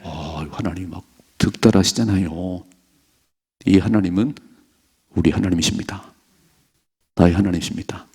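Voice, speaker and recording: A middle-aged man preaching at dawn in a church, his low voice gravelly and husky. He presses his points hard and acts out the scripture's dialogue in a raised voice. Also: normal speed, pauses often, darkish tone. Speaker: pastor. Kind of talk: early morning sermon. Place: church sanctuary.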